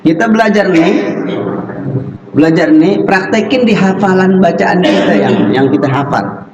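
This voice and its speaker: A man's voice: high voice, moderate pace, a little mellow. A man teaching Quran recitation in a mosque, speaking emphatically and stretching out the example sounds. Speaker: religious teacher. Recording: echoey, dull lo-fi mosque recording.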